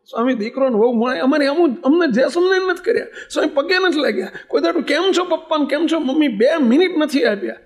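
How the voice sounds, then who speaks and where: A man's voice: very high-pitched, brisk. A man voicing a heartbroken elderly father in his sixties who pleads through tears in a sermon story. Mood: tearful pleading. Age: 60s. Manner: pleading, sobbing complaint.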